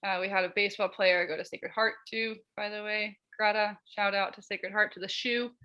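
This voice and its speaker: A woman's voice: mid-range voice, fairly even intonation, brisk, sharp tone, dull audio. A woman co-hosting an online school panel, casual and chatty with many fillers. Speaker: college counseling assistant director, co-host.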